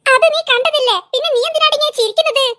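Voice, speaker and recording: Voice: very high voice, fast, pushed and bright. Ikru, a whiny cartoon boy. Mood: annoyed. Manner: whiny, indignant, pleading. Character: hapless boy who lost his trousers. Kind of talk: cartoon voice acting.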